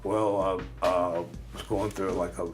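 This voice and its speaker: A man speaking as a benefits applicant in a scripted training role-play, halting and hesitant with many fillers. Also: low-pitched, little pitch movement. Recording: music bed under speech.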